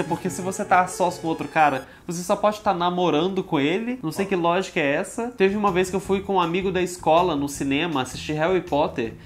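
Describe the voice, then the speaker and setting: A man, a YouTuber giving sarcastic, exasperated commentary in a vlog. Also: on the high side.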